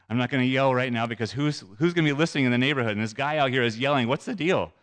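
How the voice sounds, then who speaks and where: A man's voice: medium pitch, quick pace, a bit bright, clean tone. A man giving a personal testimony in a conversational, earnest and self-deprecating way.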